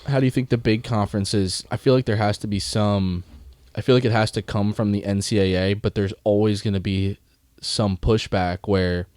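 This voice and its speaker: A young man co-hosting a casual sports podcast, animated, telling anecdotes and swearing casually. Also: fairly low pitch, normal speed, hardly any pauses, no echo, studio quality. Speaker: podcast co-host.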